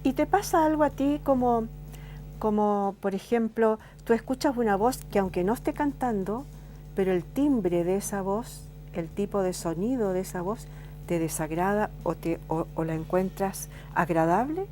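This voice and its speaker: A woman's voice: medium pitch, expressive, normal speed, dark tone, soft background music. A woman with a Chilean accent co-hosting a talk show, curious and asking many questions. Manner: curious, asks many questions with short "ya" replies. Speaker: co-host. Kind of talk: casual conversation on a talk show.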